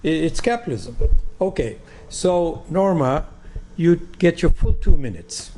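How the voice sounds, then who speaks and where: A man's voice: a little high, big pitch swings, measured pace, warm tone, slight background noise. A man moderating a panel discussion, speaking in firm, brief points. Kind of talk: discussion talk.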